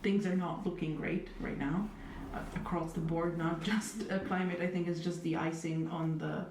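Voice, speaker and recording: Her voice sits on the low side, darkish and steady in tone, at a moderate pace. This young woman from Italy reflects thoughtfully as an interviewee in a conversational interview, with lots of hedges, fillers and wry, dry humor. The recording is echoey, with faint noise, from a distant mic.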